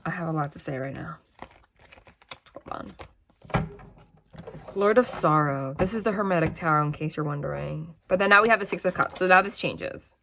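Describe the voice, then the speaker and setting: Sitting at her parents' house, the New Jersey tarot reader rambles chattily to her audience with frank asides, her low, slightly raspy voice carrying natural vocal fry. She speaks at a moderate pace, pausing often, over a noisy background.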